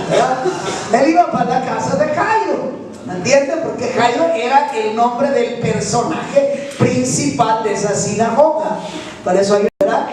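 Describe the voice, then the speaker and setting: A man's voice: very high-pitched, a little mellow. A man preaching a sermon as pastor, often turning to the congregation to ask if they follow him. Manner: keeps asking the congregation "right?". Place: church hall. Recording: very echoey, mic far off.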